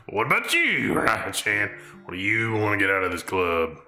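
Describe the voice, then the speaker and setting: A man voicing a shy, earnest schoolgirl in an amateur visual novel reading, hesitant and measured. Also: fairly low pitch, wildly swooping pitch, sharp tone, heavily acted. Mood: earnest, gentle. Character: shy, earnest schoolgirl club vice president. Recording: roomy sound, music behind.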